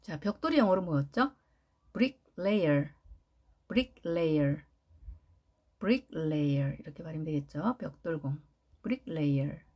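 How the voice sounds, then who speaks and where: Slow, lively-pitched woman teaching pronunciation. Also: breathy edge. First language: Korean. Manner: repeats each word slowly with stressed syllables. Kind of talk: pronunciation lesson with drilled repetitions.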